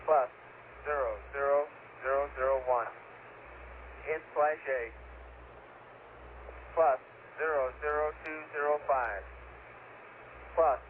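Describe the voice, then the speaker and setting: Give me a man on a radio link, an astronaut reading back figures in a clipped, procedural way. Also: a little high. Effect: heard over a radio link. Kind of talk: radio air-to-ground exchange. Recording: tinny radio transmission with faint noise.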